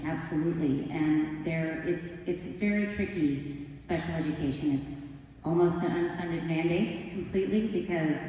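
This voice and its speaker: A man answering at a candidate forum in a plain, measured, matter-of-fact way. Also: a little high, warm tone. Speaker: school board candidate. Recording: echoey hall, distant mic, faint hum.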